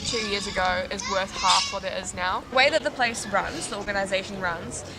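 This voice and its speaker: A young New Zealand woman talks to camera as a volunteer, earnest and chatty. Her voice sits at a middling pitch. Loud noise runs under her speech. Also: fairly quick. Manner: earnest, chatty, uses "like" often. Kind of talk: casual talk to camera.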